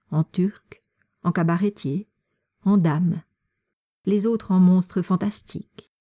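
Woman audiobook reader, low-ish, very dark and mellow, breathy near-whisper. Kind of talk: audiobook narration of a classic novel.

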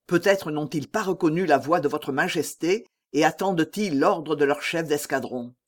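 A man voicing a calm, composed noble musketeer who speaks in a measured, reassuring way. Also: fairly high pitch, natural voice.

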